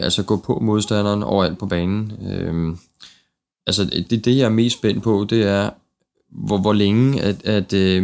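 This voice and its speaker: A man's voice: sits low, creaky, a little mellow. A man in a casual football discussion, hesitating and repeating words as he thinks aloud. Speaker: football podcast panelist.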